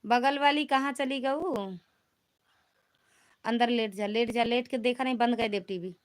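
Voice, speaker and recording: A woman's voice: on the high side, fairly even intonation, a little slow. A woman with an Awadhi accent hosting a casual live stream, bantering with viewers in a teasing, rustic way. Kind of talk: casual live chat reading comments.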